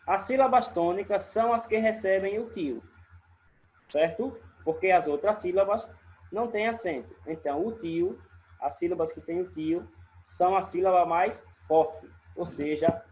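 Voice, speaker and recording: Slow, high-voiced Brazilian teacher. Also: male voice. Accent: Sergipe Brazilian. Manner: explains step by step, keeps checking with "certo?". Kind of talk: recorded remote lesson.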